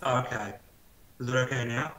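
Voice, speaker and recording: A man chatting casually on a podcast while his audio keeps cutting out and sounds echoey, talking in a halting way with many restarts. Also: medium pitch, fairly even intonation, bright, forceful tone, a little hiss or hum. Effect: audio cutting out and echoey over a faulty connection. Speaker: podcast co-host. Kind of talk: casual chat. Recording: distant, dropping-out online call audio.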